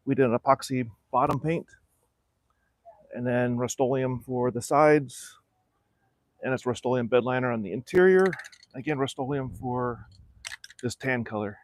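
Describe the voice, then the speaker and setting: A middle-aged man from South Florida, hosting a casual livestream from his backyard and explaining, in a relaxed and practical way, how he is restoring a small boat. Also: medium pitch, normal speed, long pauses, dry recording. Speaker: channel host restoring a boat. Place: backyard outdoors.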